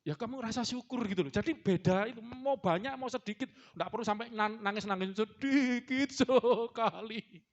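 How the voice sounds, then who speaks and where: A man's voice: high-pitched, a little fast, hardly any pauses. A male pastor with an East Javanese accent gives a chatty, teasing sermon in a church, slipping in Javanese words. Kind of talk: casual joking sermon. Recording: dull lo-fi recording.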